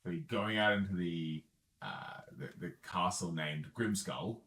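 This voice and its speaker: A man's voice: low voice, a little slow, fairly bright tone. A man acting as game master, casual and joking as he narrates a tabletop game.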